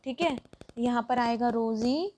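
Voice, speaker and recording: A woman's voice: fairly high pitch, measured pace, a little mellow. A woman teacher explaining a worksheet lesson to children, patient and step by step.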